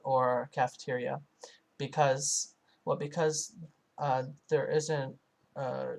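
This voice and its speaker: A man voicing a live translation over a foreign-language source. He speaks in a narrow, level pitch band and keeps a middle pitch. He pauses and hesitates often, with many filler sounds and restarted phrases. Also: vocal fry, darkish tone. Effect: live translation voiced over a foreign-language source. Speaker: student interpreter. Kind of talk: simultaneous interpretation voice-over.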